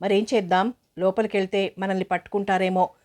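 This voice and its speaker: A woman voicing a curious, nervous young boy who speaks softly to his friend. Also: medium pitch, flat delivery, fairly quick, close to an everyday voice. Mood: eager.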